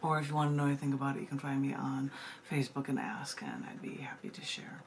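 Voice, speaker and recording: A woman with a very deep voice and an American accent speaks quickly, presenting and reading her own poetry live, shifting between emphatic and informal. She gives casual spoken introductions between poems. Noticeable background noise and room ambience fill the recording.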